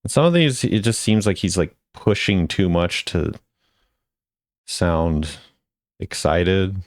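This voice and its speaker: A video creator ranks game voice lines, his low-pitched, expressive voice moving at a slow pace as he muses conversationally and tosses out casual, offhand remarks. The recording is dry, with clean studio sound.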